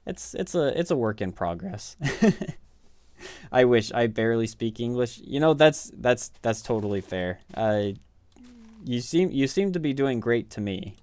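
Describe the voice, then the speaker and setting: With lively intonation and a measured pace, a thirties-aged game streamer from the Midwest United States rambles casually and self-deprecatingly to live viewers while he plays. His medium-pitched voice with its Midwestern accent is a little mellow, and there is no echo.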